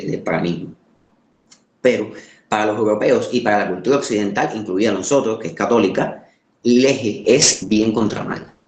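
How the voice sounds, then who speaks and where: A lowish-voiced man with a Caribbean Spanish accent lectures informally in a roomy, echoing space. He searches for his words in a halting way, then drives points home with emphatic repetition. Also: a little mellow. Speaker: course lecturer.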